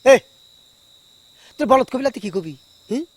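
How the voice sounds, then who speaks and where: Shrill, jeering village troublemaker. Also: male voice, animated, normal speed, a little hiss or hum. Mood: mocking. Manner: mocking, shouting taunts. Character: taunting, quarrelsome village man.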